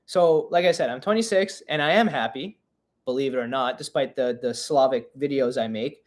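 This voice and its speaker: At medium pitch and normal speed, this podcast host, a man in his twenties, runs a casual live-stream Q&A. He reads the chat out loud, chatty and poking fun at himself.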